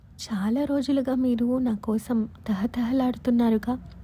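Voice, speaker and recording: A shy young woman confides in a soft, bashful whisper, as a woman narrator voices her in a whispered role-play. The voice is husky and mellow, pitched a little high, and close and hushed throughout. It plays like a spoken audio story. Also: fairly even intonation, measured pace.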